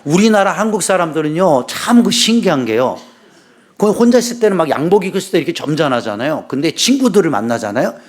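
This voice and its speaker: A man's voice: fairly high pitch, fast. A middle-aged man, a pastor, preaching a sermon in church, telling funny stories and acting out quoted dialogue. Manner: lively storytelling with humor, acting out quoted dialogue. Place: church sanctuary.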